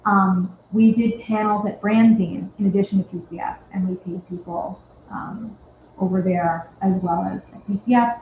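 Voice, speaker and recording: A woman's voice: mid-range voice, steady tone, normal speed, slight background noise. Chatty woman presenting, echoey and tinny. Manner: chatty and wry, with frequent ums and likes. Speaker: festival board member presenting at an annual meeting. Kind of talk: casual presentation to an audience. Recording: echoey, phone-like tinny sound.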